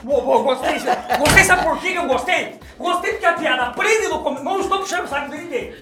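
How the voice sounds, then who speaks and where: A boisterous male host talks quickly in a high, bouncing voice. He jokes crudely with his guest. The room rings with echo, and music plays behind him. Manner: boisterous, swearing, quick to laugh. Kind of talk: casual talk show chat.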